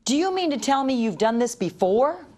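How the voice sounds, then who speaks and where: Woman acting a little male doughnut, high-pitched, excitable, indignant, dramatic, storybook character. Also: brisk. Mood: shocked, indignant. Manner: dramatic, frantic, polite when pleading.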